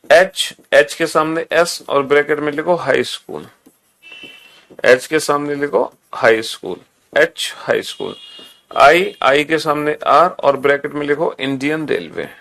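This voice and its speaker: Gravelly-voiced male teacher drilling students. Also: on the high side, fairly bright tone. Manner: repetitive drilling instructions, calls students beta. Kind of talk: online exam-prep lecture.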